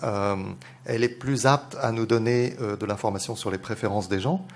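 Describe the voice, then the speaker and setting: Measured man answering with hesitations. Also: lowish voice, fairly even intonation. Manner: measured, hesitant, many fillers. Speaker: economist panelist. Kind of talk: lecture answer.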